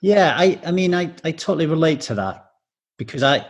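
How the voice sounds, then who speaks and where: A man's voice: fairly high pitch, lively intonation, a little fast. A man hosting a podcast interview, earnest and sharing his own stories between questions. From England. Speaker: podcast host. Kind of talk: interviewing a guest.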